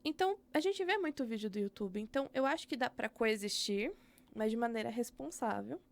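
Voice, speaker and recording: Speaking fairly high, with an expressive, brisk and gravelly delivery, this young woman is a guest on a podcast. She has a Brazilian Portuguese accent and discusses her job as an educator candidly. In this relaxed interview she works through her thoughts aloud, filling gaps often.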